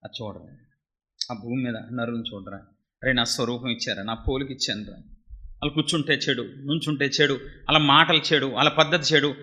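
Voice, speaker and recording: A grieving heavenly father, sorrowful and scolding, voice softer and lower than a preacher's everyday talk, bright tone, as a preacher acts him out. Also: fairly even intonation, fairly quick, natural voice. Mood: grieving lament. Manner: sorrowful, scolding, addresses listener as 'ra'. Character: grieving God lamenting over sinful humans.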